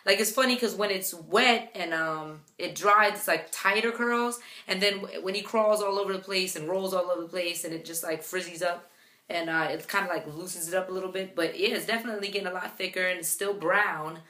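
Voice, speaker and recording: A young mother talks to the camera in a loose, chatty way, full of "like" and "um", retelling little moments with animation. Her voice is bright and forward. The room around her gives a noticeable echo. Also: lowish voice, steady tone, fairly quick. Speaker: vlogger, mother. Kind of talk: casual chat to camera. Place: home room with her baby beside her. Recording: echoey room.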